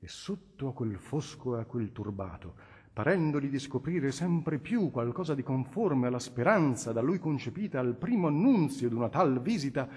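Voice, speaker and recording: Male audiobook narrator, husky, measured and expressive, long hall reverb. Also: mid-range voice. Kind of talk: scripted literary narration.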